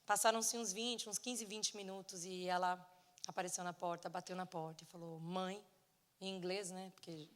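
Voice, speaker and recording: A middle-aged woman giving an emotional sermon testimony in a church, acting out dialogue and swinging between loud and soft. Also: lowish voice, fairly even intonation, normal speed, long reverb tail. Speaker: preacher. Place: church sanctuary.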